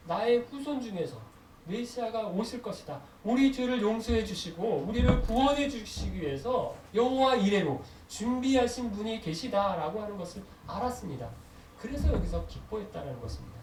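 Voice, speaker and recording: A man preaching a sermon as pastor, posing questions to the congregation and answering them, slowing down to stress key phrases. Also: high voice. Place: church sanctuary. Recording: echoey hall from a distance with noise.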